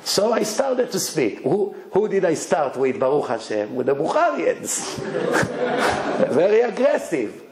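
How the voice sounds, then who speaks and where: In an echoey room with slight background noise, an Israeli-accented man, a native Hebrew speaker, lectures an audience on religion at a slow pace, his fairly high voice swinging widely in pitch. He speaks bluntly and emphatically, firing off short phrases and rhetorical questions.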